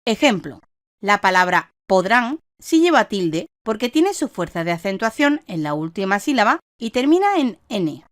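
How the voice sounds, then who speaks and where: A woman reading a scripted instructional lesson in a measured, didactic way, stressing each example word. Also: mid-range voice, very animated, dry recording, studio quality. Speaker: online course narrator.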